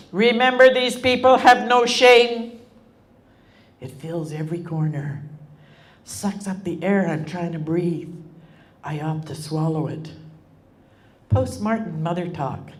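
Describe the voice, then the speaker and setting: Slow, measured woman reading poetry. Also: medium pitch. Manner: slow, measured, rhythmic delivery; emotionally moved at points. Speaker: author reading her own work.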